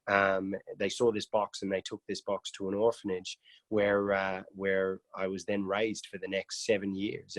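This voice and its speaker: A man's voice: on the low side, dry recording. A man from Iraq, a guest on a mentoring video call, telling his life story casually with a joking streak and many restarts. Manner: joking, with frequent restarts and fillers.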